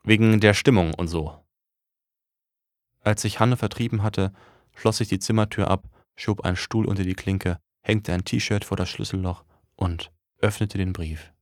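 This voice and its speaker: A man with a fairly low voice narrates a first-person tale in a dry, wry manner. The telling stays level and understated. The recording is close and without any room sound. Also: steady tone, moderate pace, a little mellow, dry recording. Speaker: audiobook narrator. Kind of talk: first-person audiobook reading.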